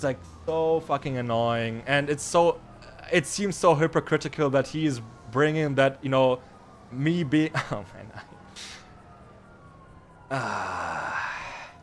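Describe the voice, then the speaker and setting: Brief: male roleplay streamer as a biker, mid-pitched, halting and rambling, with flashes of loud exasperation. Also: a little hiss or hum. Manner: rambling, halting, many restarts and fillers; gets loud and exasperated when defending himself. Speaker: roleplay streamer playing a biker club member. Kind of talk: in-character casual chat.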